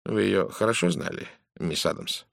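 A man voicing a calm, precise, gently ironic detective in an audiobook, speaking quietly and in measured phrases. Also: low-pitched, gravelly, no room sound, clean studio sound, full character voice. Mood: gentle. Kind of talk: audiobook character voice.

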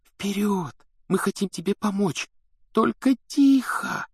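A teenage boy urges and pleads in an anxious hush, as a male narrator puts him on. The voice is pitched far above the reader's own, and the recording is dry and close. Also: slow pace, slightly rough, no room sound, full character voice. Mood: urgent. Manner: hushed, urgent pleading. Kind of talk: audiobook reading.

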